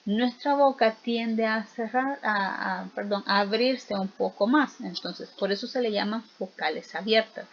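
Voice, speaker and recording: A woman teacher giving a recorded lesson, explaining slowly and patiently and stressing each example word. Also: mid-range voice. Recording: slightly dull lo-fi audio.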